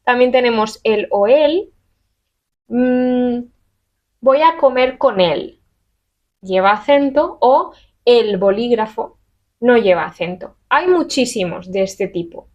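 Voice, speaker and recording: A woman from teaching a Spanish grammar lesson to camera in a lively, chatty way, acting out little example questions. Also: a little high, dull audio.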